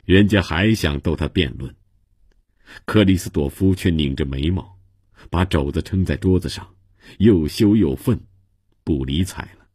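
A man narrating a novel as an audiobook, in steady, measured storytelling from a studio mic. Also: low-pitched, slightly rough, no room sound.

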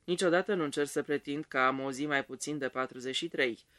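A man's voice: dry recording, clean studio sound, natural voice. A man voicing a self-absorbed middle-aged wife who talks shrilly and affectedly about her health. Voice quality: shrill, sharp.

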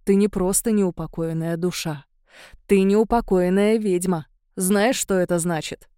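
A woman reading an audiobook voices a stern older witch who speaks low, measured and pressing. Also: fairly even intonation, dark tone, smooth, no room sound, clean studio sound, lightly acted. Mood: grim.

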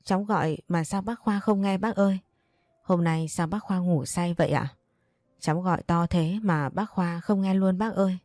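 A woman's voice: on the low side, normal speed, darkish tone, dry recording, studio quality, natural voice. A woman voicing a grieving young woman who pleads and sobs through her lines, in a storybook reading. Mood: pleading. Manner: pleading, sobbing.

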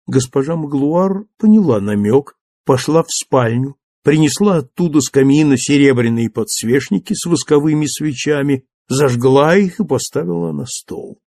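A man narrating an audiobook in an even, measured storytelling manner. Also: on the high side, gravelly, no room sound.

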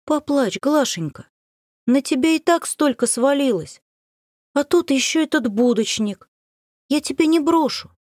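A woman doing a pert, high-voiced young girl. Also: lively intonation, unhurried, dry recording, clean studio sound. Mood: tender. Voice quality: high, bright girlish voice. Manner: pert and spirited, with sudden exclaims. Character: young girl, lively, teasing, headstrong.

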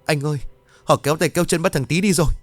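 A man's voice: mid-range voice, lively intonation, normal speed, breathy edge, no room sound. A man voicing a grieving young mother who wails and pleads, frantic and vengeful. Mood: frantic, wailing. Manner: pleading and wailing.

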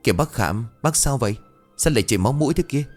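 A man's voice: lowish voice, lively intonation, quick pace, faint music behind, lightly acted. A man doing an insistent, worried villager. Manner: urgent, insistent. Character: worried fussing villager at a funeral.

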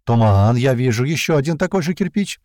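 A man reading an audiobook, voicing an excitable male scout pilot who shouts coarsely over the radio. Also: mid-range voice, brisk, no echo, clean studio sound, pitched above the performer's own voice, close to an everyday voice. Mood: excited. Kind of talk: audiobook character voice.

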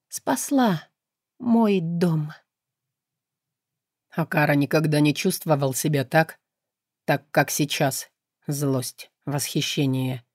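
A woman's voice: sits low, darkish tone, dry recording, studio quality. A woman narrating a fantasy audiobook in the first person, with an emotional, dramatic delivery.

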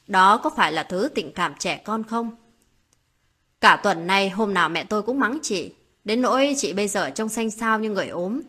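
A woman narrating a late-night story as a storyteller, in a calm, steady reading voice. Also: mid-range voice, husky.

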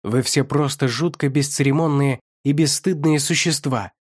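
A man's voice: mid-range voice, normal speed, husky, no room sound, clean studio sound, close to an everyday voice. A man voicing a sarcastic, touchy young man in an audiobook, snapping back when pressed. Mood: indignant.

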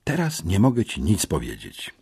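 A man's voice: sits low, huge pitch swings, normal speed, dark tone, husky, dry recording, studio quality, voice pushed up, full character voice. A man reading an audiobook, voicing a secretive teenage schoolboy who murmurs his plans mysteriously.

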